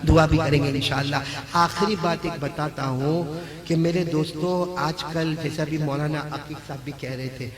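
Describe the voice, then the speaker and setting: A man preaching a dramatic story sermon, swinging from hushed tones to shouts and calling out for the audience to respond. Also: fairly high pitch, steady tone, moderate pace. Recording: loud crowd at a gathering. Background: crowd.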